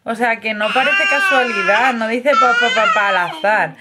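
A woman's voice: a little high, normal speed, heavy background noise. Chatty young woman vlogging. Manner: chatty, affectionate, breaks into baby talk. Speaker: vlogger mother. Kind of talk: casual family vlog.

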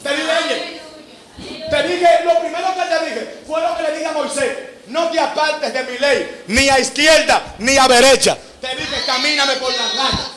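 A man's voice: extremely high pitch, a little slow, bright, forceful tone, echoey room, a little hiss or hum, full character voice. A preacher voicing God as a stern, commanding male figure who scolds and lectures in a hard street tone. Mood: lecturing.

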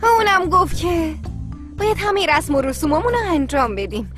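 A woman's voice: very high voice, very animated, fairly bright tone, soft background music, exaggerated voice. A woman dubbing an eager, bubbly young bride.

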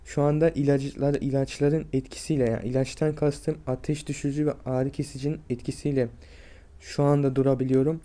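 Weak, strained young man, subdued monotone. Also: mid-range voice, fairly quick. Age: 20s. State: sick and drained with fever and aches. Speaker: vlogger. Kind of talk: personal health vlog, speaking to viewers.

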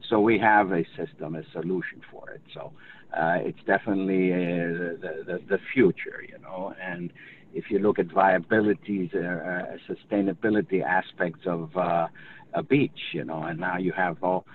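An older man with a very low voice comes through a tinny phone line with a faint hiss behind him. He explains at length and often restarts his sentences. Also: fairly even intonation, moderate pace. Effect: heard over the phone. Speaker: industry representative in a webinar. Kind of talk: unscripted webinar discussion.

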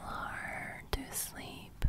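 A young adult woman hosts an ASMR roleplay, whispering very close to a large studio microphone. Her breathy crackle edges into soft speech as she speaks slowly, soothingly and reassuringly.

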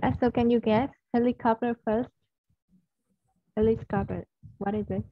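A woman's voice: on the high side, steady tone, measured pace. A Vietnamese-speaking woman teaching an online English lesson, modelling stressed words and often checking with her student. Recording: slightly dull, dry audio.

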